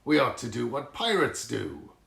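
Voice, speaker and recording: A man's voice: mid-range voice, big pitch swings, moderate pace, creaky, fairly bright tone, full character voice. A man voicing a hearty, commanding old pirate captain in a storybook, talking in theatrical pirate speech. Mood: grand. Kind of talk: storybook character reading. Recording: roomy, echoing sound.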